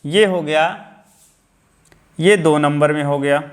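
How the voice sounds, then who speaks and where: A man teaching a grammar lesson, explaining step by step and repeating key terms. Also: on the high side. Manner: slow, explaining step by step with counted lists.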